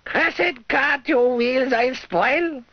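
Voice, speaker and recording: A man doing a shrill spiteful old witch. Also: extremely slow, dry recording, heavily acted. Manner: shrill, wailing and cursing. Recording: dull old TV sound with music.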